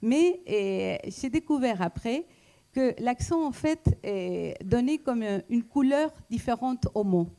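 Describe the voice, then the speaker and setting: A woman with a foreign accent giving a reflective public talk, pausing often with fillers and restarts. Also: fairly high pitch, animated, mellow. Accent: foreign accent in French. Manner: hesitant, many fillers and restarts. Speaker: speaker at a talk, economist.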